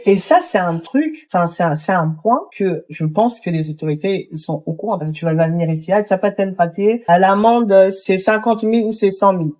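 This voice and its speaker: A woman's voice: medium pitch, brisk, hardly any pauses, darkish tone, faint music behind. A young woman who owns a restaurant, talking in a casual interview and telling her story with lots of fillers. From Congo. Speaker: restaurant owner.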